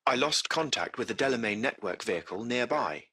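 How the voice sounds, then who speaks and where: For a video game, a man voices a courteous, composed artificial intelligence that runs a taxi fleet, using formal, precise, butler-like phrasing in a scripted performance. His medium-pitched voice is animated, a little fast, gravelly, husky and sharp, heavily acted, with a composed, informative mood.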